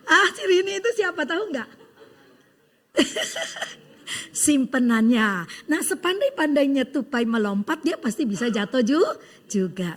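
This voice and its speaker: A woman preacher giving a lively sermon, telling a joke with acted voices and calling for amens from the congregation. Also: high-pitched. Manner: engages the congregation with call-and-response.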